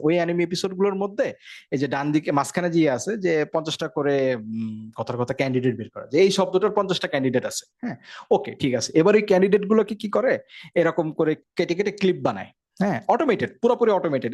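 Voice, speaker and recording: Fast-talking man giving a tech lecture. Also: a little high. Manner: fast, conversational, frequent check-ins. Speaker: instructor.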